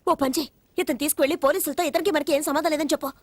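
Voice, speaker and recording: An actress playing an anxious, protective older sister in a dubbed film drama, scolding and tearful. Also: female voice, high voice, steady tone, rapid-fire, dry recording, natural voice. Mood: fearful.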